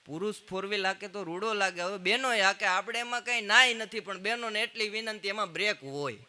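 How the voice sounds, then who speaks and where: Bright-voiced comedian. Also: male voice, high-pitched. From Gujarat, India. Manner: punchline jokes with quick quoted exchanges. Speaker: stand-up comedian. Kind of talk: live Gujarati stand-up storytelling.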